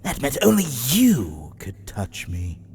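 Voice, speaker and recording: A man's voice: fairly low pitch, wildly swooping pitch, slow, creaky, darkish tone, a little hiss or hum, heavily acted. A man voicing a maniacal, gleefully cruel clown supervillain in a motion comic, theatrical and cackling, swinging between shrieks and murmurs. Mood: sinister.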